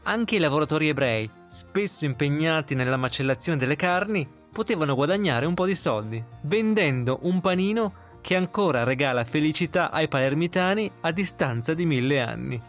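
Higher-pitched Italian male podcast host. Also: lively intonation, normal speed, hardly any pauses, soft background music. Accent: Italian, not Sicilian. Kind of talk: scripted narration and conversational interviewing.

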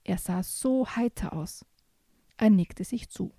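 A woman reading a children's storybook aloud as a podcast guest, telling it in a calm, measured way. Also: medium pitch, no echo, in a whisper, studio quality.

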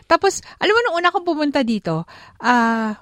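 A woman's voice: high-pitched, moderate pace, dry recording, studio quality. A middle-aged woman from the Philippines, hosting a casual radio chat with a laughing, storytelling manner. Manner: chatty, laughing, animated storytelling. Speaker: radio host. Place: radio studio.

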